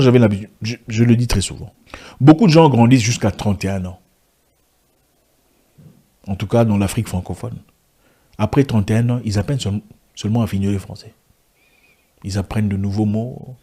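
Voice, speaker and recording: Addressing the camera in an impassioned monologue, this online video commentator frequently restarts and leans on rhetorical questions. He is a man whose first language is an African language, not French, and his voice is on the low side, dark and slightly rough.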